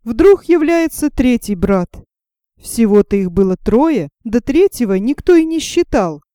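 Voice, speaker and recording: A woman reads a fairy tale aloud with lively, expressive storytelling. Her voice sits fairly high, smooth and mellow, captured in a dry, close recording. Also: unhurried, no echo. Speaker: narrator. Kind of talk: storybook reading.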